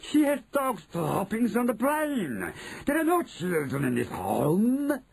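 Storybook villain: venomous female witch ruler, commanding, very husky, screeching, wildly varied pitch. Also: sing-song, a little mellow, heavily acted. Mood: scornful. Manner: screeching, drawn-out commanding delivery.

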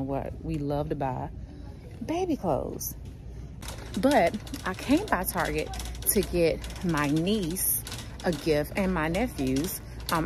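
A woman's voice: lowish voice, background noise. A young woman chatting casually to her viewers in a vlog from a store, using informal slang. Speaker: vlogger. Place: store and mall, indoors.

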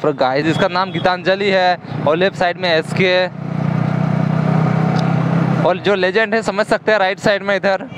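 A man's voice: high-pitched, fairly even intonation, normal speed, long pauses. A young man chatting casually to viewers while riding a motorcycle through town at night, pointing out the places he passes. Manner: chatty, keeps addressing viewers as guys. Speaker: motovlogger. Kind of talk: casual ride commentary. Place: on a motorcycle on busy town streets at night, outdoors. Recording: loud road and traffic noise.

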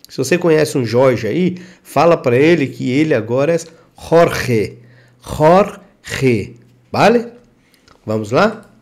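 Slow man teaching Spanish. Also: mid-range voice, animated, darkish tone. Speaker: language teacher for truck drivers. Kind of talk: casual online lesson.

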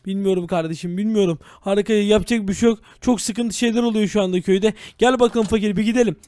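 High-voiced, fast-talking game host. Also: male voice, steady tone, darkish tone, dry recording, studio quality. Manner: dramatic, exclaiming to viewers. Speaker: game video host playing village head. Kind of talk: game role-play narration.

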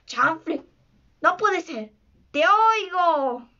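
A woman voicing a cheeky boy who mocks and mimics a pirate captain, slow and emphatic. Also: very high voice, lively intonation, bright, forceful tone, lo-fi sound, pitched above the performer's own voice, full character voice. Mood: mocking.

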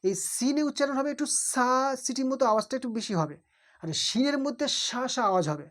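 A woman's voice: high-pitched, big pitch swings, fast. A woman teaching Quran reading, patiently repeating each Arabic letter and explaining where it is formed in the mouth. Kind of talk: slow letter-by-letter Arabic pronunciation lesson.

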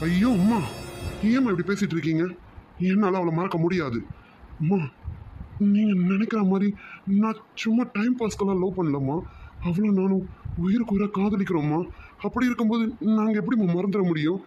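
A man's voice: sits high, fairly quick, pauses often, dark tone, dull audio, a little hiss or hum, natural voice. A man voicing a distressed young man in love in a cartoon, confused and pleading with his mother. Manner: pleading, confused, repeating "amma". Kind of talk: cartoon voice acting.

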